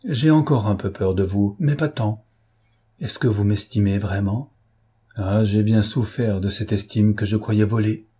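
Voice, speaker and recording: A man's voice: fairly low pitch, measured pace, dark tone, husky. A man reading an audiobook and voicing a young, impulsive woman who speaks earnestly and shyly. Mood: shy tender. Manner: confessing earnestly, then shy and tender. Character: impulsive young woman, tearful then happy.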